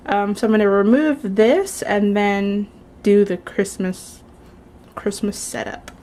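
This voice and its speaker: A woman's voice: medium pitch, slow, warm tone. A woman vlogger talking casually and informally as she explains what she is doing. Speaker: vlogger and candle maker. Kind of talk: casual vlog chat and tutorial. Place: indoors at home. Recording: faintly noisy home recording.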